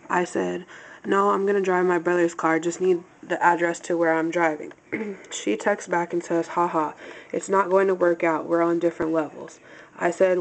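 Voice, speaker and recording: A woman casually recounting an exchange by reading text messages aloud in a matter-of-fact way, often clearing her throat. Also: on the low side, darkish tone, low-quality recording.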